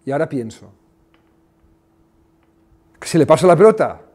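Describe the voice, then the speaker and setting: A man, a former coach giving a motivational talk, telling lively anecdotes with sound effects. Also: fairly high pitch, normal speed, breathy edge. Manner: animated storytelling with sound effects.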